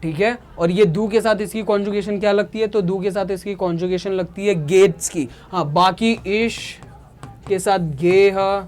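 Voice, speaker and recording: Man, language teacher, beginner lesson, high voice, unhurried, keeps checking if it's clear. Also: steady tone, faint music behind. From India. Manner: explains patiently, often checking if it is clear; slow, drilling words by repetition. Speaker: German teacher.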